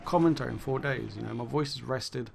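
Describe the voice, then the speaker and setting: A gravelly, medium-pitched male voice moves fairly quickly through a casual commentary monologue in gaming-YouTuber style. He rambles, corrects himself, and swears, then laughs it off. His voice sounds worn and fading, like he's losing it.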